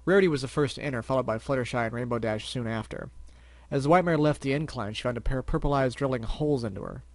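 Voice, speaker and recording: A man's voice: mid-range voice, quick pace, no echo. A man narrating a scripted story with a congested, stuffy nose from blocked sinuses. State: blocked sinuses, can't breathe through his nose. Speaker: fan fiction reader.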